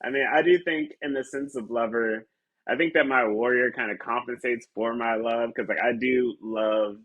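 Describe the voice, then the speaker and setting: A man's voice: mid-range voice, steady tone, normal speed, narrow, tinny audio. A man co-hosting a casual podcast chat, laid-back and candid, with slangy talk and frequent laughter. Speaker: podcast co-host. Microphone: camera on a tripod.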